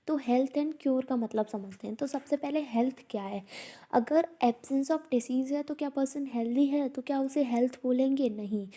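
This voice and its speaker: A woman teaching a study lesson, asking herself questions and answering them, reading quoted passages out slowly. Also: high voice, dark tone. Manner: slow, repetitive, asks herself questions. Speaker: teacher explaining homeopathy texts. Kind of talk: study lecture mixing Hindi and English.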